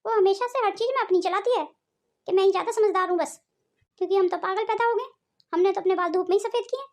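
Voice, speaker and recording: A woman's voice: very high-pitched, fast. A woman voicing an older woman in a cartoon who grumbles about her daughter-in-law. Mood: grumbling.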